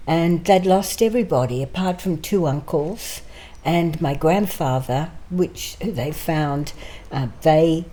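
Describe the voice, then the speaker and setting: An older woman from Greece speaks slowly in a low voice, reciting her own poem with measured care and then telling her story as a guest. Her tone is dark and mellow, and she takes her time over every line. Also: poor audio. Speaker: interview guest. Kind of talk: poetry reading and personal storytelling. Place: her home.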